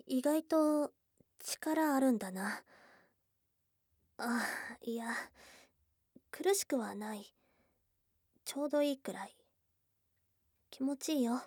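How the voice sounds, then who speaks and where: In an intimate ASMR voice drama, a woman plays a shy young goblin girlfriend who is blunt and tomboyish in wording but flustered and tender, bashful in mood. She speaks high-pitched, slowly and with frequent pauses, a little mellow and exaggerated, murmuring breathily close to an ASMR microphone with no echo.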